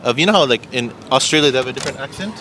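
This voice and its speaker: A man's voice: medium pitch, lively intonation, racing, pushed and bright, a little hiss or hum. A man in an impromptu religious debate on the street, explaining his points insistently and repeating them. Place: outdoors on an urban street.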